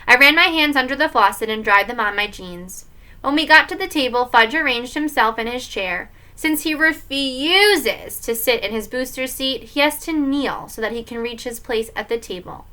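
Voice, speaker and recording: A woman reading a children's book aloud in an expressive way. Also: on the high side, normal speed. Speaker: story reader.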